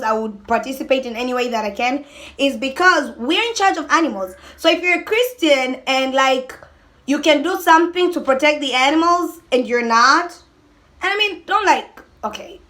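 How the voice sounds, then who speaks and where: A young adult woman chatting casually to camera as a mukbang vlogger, emphatic and animated, often breaking off mid-thought. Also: high-pitched.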